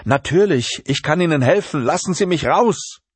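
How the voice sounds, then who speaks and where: A man's voice: on the high side, lively intonation, normal speed, breathy edge, no room sound, voice pushed up. A man doing a desperate trapped professor. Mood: desperate urgent. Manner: urgent, shouting.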